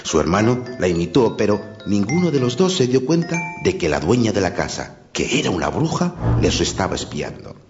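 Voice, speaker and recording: A man narrating a children's fairy tale in a steady, expressive reading. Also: lowish voice, a little fast, few pauses, over music. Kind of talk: storybook narration. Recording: dull lo-fi, loud background noise.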